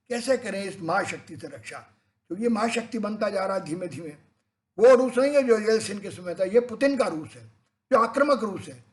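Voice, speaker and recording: Older man lecturing in a high voice. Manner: unscripted, mixes in English phrases, restarts words. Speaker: educator. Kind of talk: explanatory lecture.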